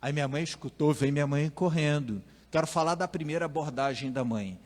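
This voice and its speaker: Brazilian priest preaching in a reverberant church. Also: male voice, a little high, brisk. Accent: Brazilian Portuguese. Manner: conversational preaching, acts out quoted voices. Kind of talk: sermon.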